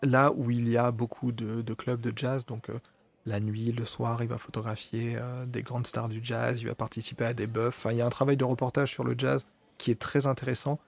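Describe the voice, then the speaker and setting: A man's voice: medium pitch, flat delivery, fairly quick, creaky. A man giving an informal spoken talk on photography, hesitant, with many fillers, restarts and apologies. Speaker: photography presenter.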